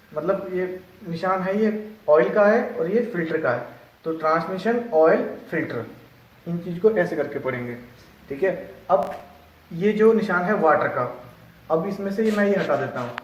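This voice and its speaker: A male instructor explaining a lesson step by step, often pausing to check that his students have understood. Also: sits high, muffled recording. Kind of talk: classroom lesson. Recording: echoey room, distant mic.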